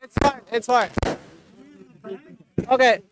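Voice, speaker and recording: Very high-voiced man yelling excitedly. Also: slow pace, noisy background. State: losing his voice. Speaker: event host announcing prizes. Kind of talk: live-streamed award announcement.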